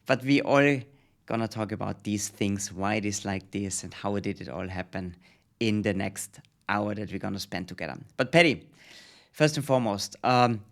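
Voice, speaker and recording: A man's voice: on the low side, gravelly. A man hosting an interview, chatty and friendly, with a teasing edge to his questions. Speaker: interview host. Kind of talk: casual interview chat.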